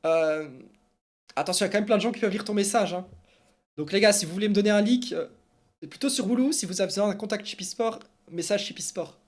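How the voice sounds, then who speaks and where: A man from Belgium streams esports news and answers viewers in casual, rambling chat packed with fillers, sounding chatty and animated. His voice sits high and he talks fast.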